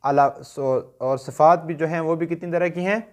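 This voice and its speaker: A man's voice: a little high, steady tone, normal speed, a little mellow. A man with a Pakistani Urdu accent teaching a tajweed lesson, patiently asking questions and answering them himself. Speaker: Quran recitation teacher.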